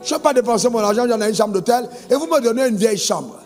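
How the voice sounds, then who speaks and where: A man's voice: extremely high pitch, animated, fast talker, a little mellow, big-room sound, faint music behind. A male pastor preaching a sermon, calling on the congregation to answer amen. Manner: preaching with call-and-response amen prompts.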